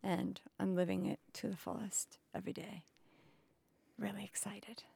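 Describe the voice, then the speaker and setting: A woman in her fifties, a patient advocate, answering interview questions in a slow, halting way with many pauses and fillers. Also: medium pitch, steady tone, creaky, mellow, husky. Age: 50s. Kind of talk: recorded interview. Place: indoors, cultural center.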